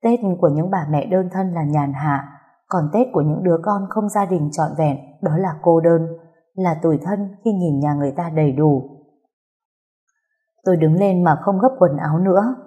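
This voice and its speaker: A woman's voice: lowish voice, dark tone. A woman reading a first-person story aloud, earnest and emotional. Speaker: story narrator. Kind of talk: first-person audiobook narration.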